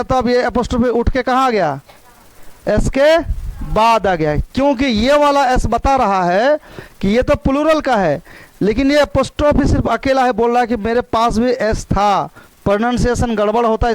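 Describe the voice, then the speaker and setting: Male teacher, high voice, strict, drills words, outdoor class with animals heard. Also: no echo, rough recording. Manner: scolding, repeats words to drill pronunciation. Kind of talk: classroom grammar lesson.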